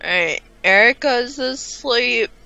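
A woman chatting casually while playing a life-sim game, bossing her character around and thinking out loud. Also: a little high, animated, slow, gravelly. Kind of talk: casual gameplay chat. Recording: slightly dull sound with faint music.

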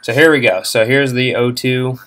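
A man's voice: mid-range voice, fairly even intonation, moderate pace, fairly bright tone. A young man casually talking through car auction listings at home, rambling with lots of fillers, recorded on a laptop's built-in mic. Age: young adult. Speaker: car vlogger. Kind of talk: casual screen-recorded commentary. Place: home room, indoors. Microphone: laptop internal mic.

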